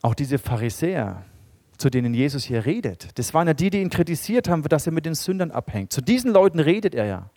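A man preaching a sermon, retelling a parable with animated storytelling and acting out the quoted characters, sometimes dropping to a quiet, low voice for emphasis. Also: fast, no room sound. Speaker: pastor.

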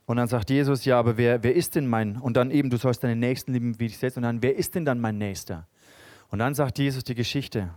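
A man's voice: medium pitch, fast, darkish tone, no echo. A young man preaching a sermon, earnest, reading scripture aloud and building in emphasis.

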